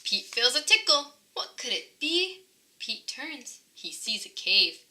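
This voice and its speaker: A woman reading a children's picture book aloud, with expressive, sing-song emphasis for young listeners. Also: high-pitched, slow, slight background noise. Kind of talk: scripted storybook narration.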